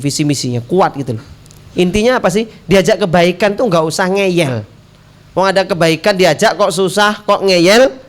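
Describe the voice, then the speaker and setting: A male preacher giving a humorous sermon, joking with the crowd and acting out dialogue. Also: fairly high pitch. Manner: lively, jokey, acts out quoted dialogue, slips into Javanese.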